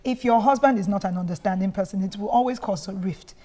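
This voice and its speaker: A woman, a guest on a studio talk show, explains her view in a measured way. Her voice sits at a middle pitch. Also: warm tone. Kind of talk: studio panel discussion.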